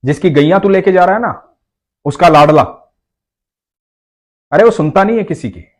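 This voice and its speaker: A man voicing a hurt, angry old ascetic who complains loudly and bitterly. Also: mid-range voice, expressive, fast talker, close to an everyday voice. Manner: agitated, complaining.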